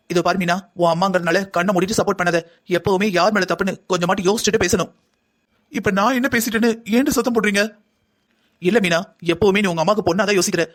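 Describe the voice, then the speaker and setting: Here a man with a high-pitched, slightly bright voice acts out a family fight for a cartoon drama. As the actor behind every family member, he keeps the exchange heated and argumentative.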